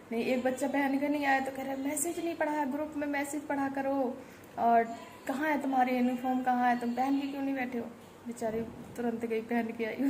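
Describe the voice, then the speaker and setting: Woman, casual home vlog, chatty and rambling, filler-heavy, noisy background, phone camera. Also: fairly high pitch. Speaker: vlogger. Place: indoors at home. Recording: steady background noise in a home.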